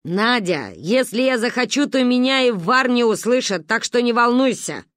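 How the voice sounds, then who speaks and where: A woman voicing a stern, sharp-tongued old grandmother who lectures and grumbles, in a dry close recording. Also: on the high side, expressive, normal speed, no echo, voice pushed up. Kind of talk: audiobook character voice.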